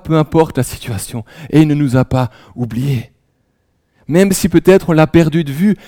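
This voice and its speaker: Male preacher raised in France, mellow dark tone, dry close sound, intimate sermon delivery. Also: on the high side, no echo. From France, raised in Alsace. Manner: drops to a hushed near-whisper for emphasis; many restarts, conversational storytelling.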